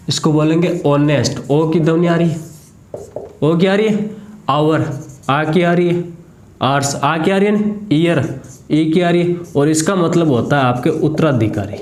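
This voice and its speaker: A man's voice: fairly high pitch, darkish tone, echoey room. A man teaching a grammar lesson in a Hindi accent. He asks the class a question and then repeats the answer.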